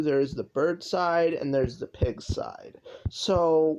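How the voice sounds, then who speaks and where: A young man, a gaming YouTuber, rambles casually over gameplay, packing his talk with "like," fillers, and restarts. His voice is a little high, creaky, and a little mellow, and the poor audio carries a faint hiss or hum.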